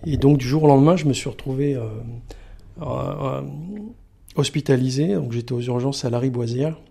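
Hesitant middle-aged French man, mellow voice. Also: medium pitch, fairly even intonation, vocal fry. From Paris region, France. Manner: halting, many filler pauses. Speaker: sanctuary communications manager, guest. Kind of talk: radio interview.

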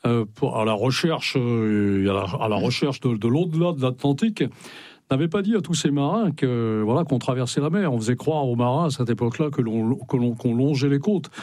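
A man's voice: medium pitch, darkish tone, no room sound. A man who is a guest on a radio show, telling long stories and stumbling over his words now and then. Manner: rambling, storytelling, stumbles on words. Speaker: radio guest, writer and sailor. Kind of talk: radio interview.

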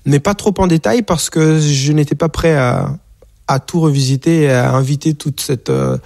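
Interviewed on radio or TV, this man in his forties from Rwanda, a singer and author, talks haltingly, repeating words and using lots of fillers. His fairly high voice has vocal fry and a slight mellowness at a moderate pace, recorded in clean studio sound with no echo.

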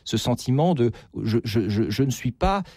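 A man's voice: medium pitch, lively intonation, normal speed, darkish tone, no echo, studio quality. A man being interviewed as an author, speaking hesitantly with many restarts and repeated words. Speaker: author, guest. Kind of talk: interview conversation.

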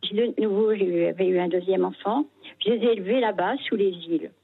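A woman's voice: medium pitch, fairly quick, vocal fry, breathy edge. An older woman from France calling in to a radio show, speaking hesitantly with many restarts and a wistful tone. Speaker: caller. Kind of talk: phone-in testimony. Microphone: telephone. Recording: tinny phone line.

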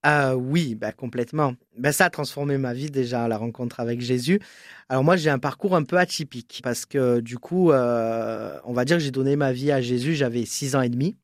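A man in his thirties from Marseille answers interview questions in a studio. He talks at an easy pace and fills pauses often with hesitations. His voice sits in a middle register, and the recording is close and dry. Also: medium pitch, no echo. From Marseille, southern France. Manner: relaxed, hesitant, with frequent fillers. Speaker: guest, school photographer. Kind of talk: interview conversation.

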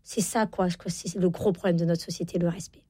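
A woman's voice: fairly low pitch, steady tone, quick pace, dark tone, husky, dry recording. Woman, 40s, radio interview guest, hesitant with many fillers, dry close sound. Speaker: guest author.

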